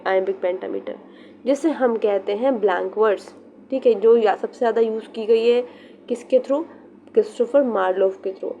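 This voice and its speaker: Woman teacher, fairly high voice, repeats key terms, faint hiss. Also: darkish tone. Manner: explains step by step, repeats key terms, mixes in English. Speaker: literature teacher. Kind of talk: exam-prep lecture.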